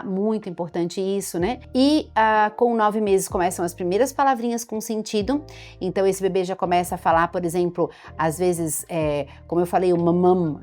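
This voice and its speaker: Woman, Brazilian Portuguese accent, doctor, chatty explainer, mid-pitched, soft music behind. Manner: chatty, warm explainer, imitates baby sounds and baby talk. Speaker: doctor giving parenting advice. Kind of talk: explanatory talk to camera.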